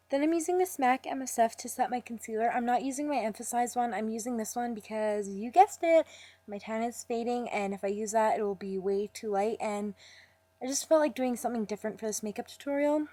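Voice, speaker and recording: A young woman talking casually through her makeup routine in a voice-over, chatty and rambling, with fillers and quick apologies. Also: fairly high pitch, warm tone, dry recording. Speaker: makeup vlogger.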